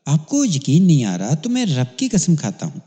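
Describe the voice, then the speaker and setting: A man's voice: a little high, huge pitch swings, dark tone, long reverb tail, pitched above the performer's own voice. A man voicing an innocent, earnest eight-year-old boy with a raised, eager voice in a read-aloud crime story. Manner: eager, naive replies.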